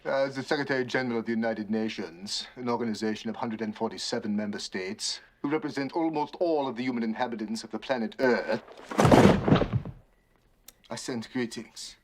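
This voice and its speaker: A man in film audio delivering a formal, measured greeting. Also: medium pitch, lightly acted, low-quality recording. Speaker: film dialogue played during a reaction.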